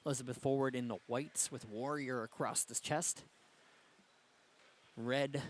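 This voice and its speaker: Man, hockey play-by-play, even mid voice, quick calls, faint background hiss. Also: medium pitch. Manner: brisk, rises in excitement on goals. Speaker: play-by-play announcer.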